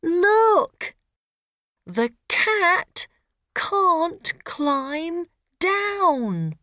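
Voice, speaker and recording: A woman voicing an excited young boy in a storybook read for learners. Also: sits high, extremely slow, no room sound, clean studio sound, pitched above the performer's own voice, heavily acted. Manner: excited and exclaiming.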